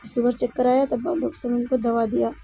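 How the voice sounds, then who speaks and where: Woman vlogger, Lucknow Hindi accent, unwell and tired, high voice, repetitive casual talk, muffled lo-fi phone sound. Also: level tone, fast talker, vocal fry, warm tone. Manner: rambling, repeats herself, tired and weak. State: unwell, weak and in pain. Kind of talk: casual vlog talk to viewers.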